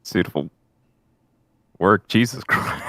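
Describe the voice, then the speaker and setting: A man's voice: on the low side, expressive, slow pace, sharp tone, no room sound, studio quality. A man playing a tabletop game over a voice call, talking through a voice changer that keeps glitching, flustered and laughing at the tech trouble. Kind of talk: casual chat during an online tabletop game.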